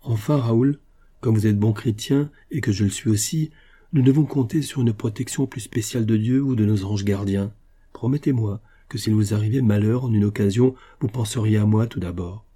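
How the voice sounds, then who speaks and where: A man reading the part of a grave, gentle aging nobleman speaking tenderly to his son, in a husky, dark voice. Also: lowish voice, normal speed, natural voice.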